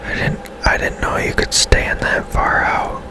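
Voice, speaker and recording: Over a video game, a man who streams and hosts speaks in a hushed, breathy whisper, offering casual ASMR commentary and unhurried musings.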